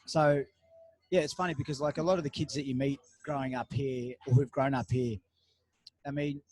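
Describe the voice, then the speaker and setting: This podcast host talks from a cafe in a mid-range, slightly mellow voice, at a moderate pace with fairly even intonation. The casual interview chat is rambling and packed with fillers and restarts, and the recording quality is low.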